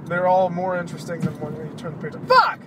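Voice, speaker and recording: A man hosting a podcast while driving, chatting casually in a rambling, profane and excitable way. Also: sits high, moderate pace. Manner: profane, excitable, rambling, prone to sudden outbursts. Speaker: podcast host. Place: inside a moving car. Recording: distant car mic with road noise. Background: car road noise.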